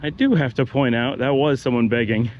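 A middle-aged man with a medium-pitched voice talks a little fast, and the audio is dull with a bit of hiss or hum. He's a vlogger giving a relaxed walking tour outdoors on neighborhood streets, casually pointing out houses and shops as he strolls.

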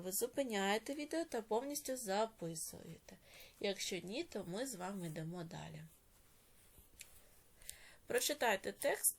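A woman teacher with a Ukrainian accent, giving a recorded video lesson and spelling out word parts slowly and deliberately. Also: mid-range voice.

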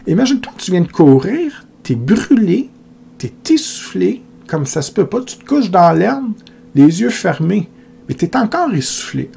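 Gravelly warm Québécois teacher. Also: male voice, a little high. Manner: conversational explaining, addresses students as "tu", asks questions aloud. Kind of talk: recorded lecture video.

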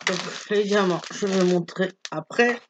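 A woman's voice: mid-range voice, unhurried, slight background noise. Chatty, hesitant middle-aged woman vlogger. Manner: hesitant, chatty, many fillers and restarts. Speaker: craft vlogger. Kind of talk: casual product show-and-tell. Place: at home, filming her hands.

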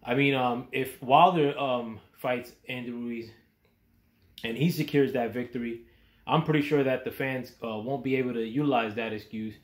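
A man's voice: mid-range voice, steady tone, normal speed. A man who just woke up, giving casual boxing commentary with lots of ums and restarts. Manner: hesitant, many ums and restarts. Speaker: boxing vlogger. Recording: echoey room.

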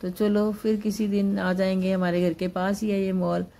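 Narrating homely into a handheld phone camera, an older woman, a grandmother and vlogger, describes a family outing at a busy indoor mall. Her voice is medium-pitched and warm, level in tone, at a moderate pace, with vocal fry.

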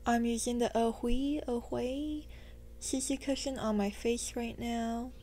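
Young woman, beauty vlogger voice-over; mellow, slightly high, chatty with upward-lilting endings. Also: steady tone, measured pace, a little hiss or hum. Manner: chatty, self-deprecating, rising sentence endings. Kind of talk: voice-over makeup tutorial narration.

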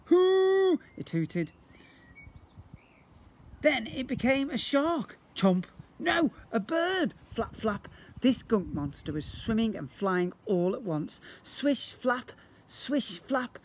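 Outdoors beside some brick houses, a man in his fifties reads a story to young children with lots of expression, acting out the sound effects. His voice is very high and he takes it slowly. A phone or camera held about arm's length away picks up slight background noise.

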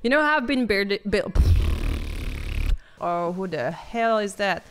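A woman's voice: medium pitch, expressive, measured pace, music in the background. A woman streamer chatting with her viewers while she plays, giggling, swearing and easily distracted. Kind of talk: live-stream game commentary.

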